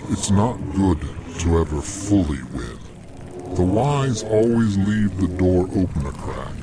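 Menacing, pompous wizard tyrant for audio comedy, male actor, low register, cold and deliberate, clear noise behind. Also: expressive. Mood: measured, ominous. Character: cold, calculating male Dark Lord wizard, menacing villain. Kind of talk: fantasy audio comedy acting. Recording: clear background noise under the voice.

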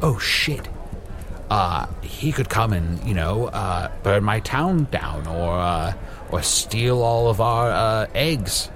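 A man playing a pompous old wizard in improvised fantasy comedy, with grandiose, halting, mock-archaic speech. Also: fairly low pitch, animated, a bit bright, a little hiss or hum, full character voice. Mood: grandiose, mock-solemn. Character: pompous, theatrical old wizard, male, faking his own death.

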